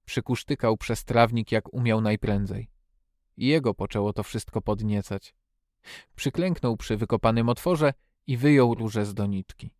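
A man narrating a storybook in a steady, measured reading voice. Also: fairly low pitch, no room sound, clean studio sound. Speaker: audiobook narrator.

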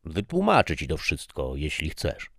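A man's voice: very deep voice, huge pitch swings, normal speed, creaky, a bit bright, no room sound, studio quality, full character voice. A man voicing a self-satisfied nerdy husband who lectures his wife in a pleased tone. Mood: smug. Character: smug nerdy husband, physics YouTuber.

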